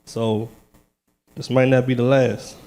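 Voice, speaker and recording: A man speaks in a church testimony, casual and earnest, laughing now and then. His voice sits at a middle pitch, and he grows firm and declarative as he talks. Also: level tone, slow, warm tone. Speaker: lay speaker giving testimony. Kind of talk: church testimony and short sermon.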